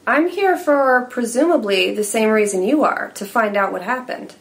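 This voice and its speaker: Woman playing cool, creaky-voiced Talia. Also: fairly high pitch, moderate pace, close to an everyday voice. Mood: guarded, wry. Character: Talia, guarded, cool, enigmatic masked woman. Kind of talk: dramatic screenplay table read.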